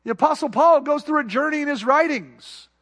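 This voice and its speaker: A male pastor preaching a sermon to his church, building to emphatic peaks and dropping to quiet, soft asides. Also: extremely high pitch, brisk.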